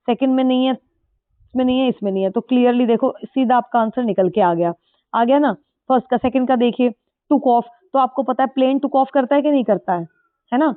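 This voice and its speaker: A woman's voice: high voice, no room sound. Woman teacher with a tinny, dry sound. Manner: explains step by step, repeats answers, checks with "ठीक है"; reads English question text slowly. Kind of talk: exam-prep lesson in Hindi mixed with English.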